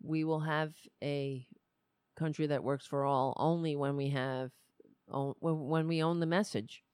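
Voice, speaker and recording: A woman hosting a live political show, chatting casually to viewers in a loose, halting, conversational way. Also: low voice, fairly even intonation, darkish tone, clean tone, dry recording, clean studio sound.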